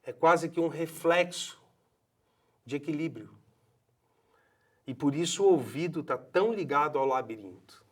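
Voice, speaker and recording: A man in his fifties with a Brazilian accent, a voice doctor speaking in an expressive, emphatic way. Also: fairly high pitch, a little slow, long pauses. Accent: Brazilian Portuguese. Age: 50s. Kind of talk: passionate promotional talk.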